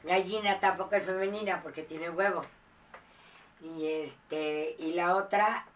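A woman co-hosting a casual talk show, telling a joke slowly and with humor. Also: lowish voice, steady tone, distant mic, a little hiss or hum, poor audio. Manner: slow, joking storyteller. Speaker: co-host. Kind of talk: casual chat.

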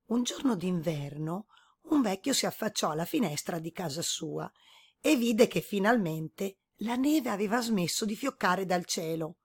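A woman storyteller reading a children's story aloud in a gentle, measured way. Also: medium pitch, lively intonation, breathy edge.

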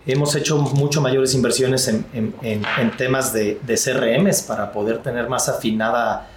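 A man's voice: mid-range voice, steady tone, normal speed, noisy background. Man in an echoey room. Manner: thoughtful, with frequent fillers and restarts. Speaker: real estate sales executive. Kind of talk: conversational interview answer.

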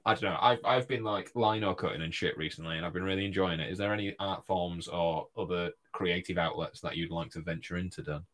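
A man co-hosting a podcast in casual chat. His voice is fairly low. He jokes, swears and laughs often. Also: fast, few pauses, fairly bright tone. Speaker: guest co-host.

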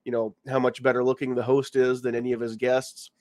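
Fairly quick and level in tone, this medium-pitched male podcast host has a darkish sound on a dry recording. He's congested, recovering from a cold, and speaks around a lozenge during a casual live-stream chat.

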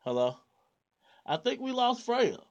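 A man's voice: very high-pitched, big pitch swings, unhurried, highs cut off. A man hosting a podcast about TV shows in a casual, joking, laid-back way, speaking. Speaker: podcast host. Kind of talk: casual chat.

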